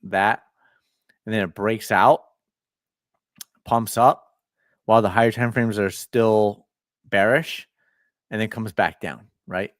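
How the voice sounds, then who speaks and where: A man's voice: lowish voice, steady tone, slow, pauses often, dry recording, studio quality. A man hosting a casual market chart breakdown, talking loosely and repeating himself, often tagging "right?". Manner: loose, repetitive, with many "right?" tags. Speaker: market analyst host. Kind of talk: casual chart analysis talk.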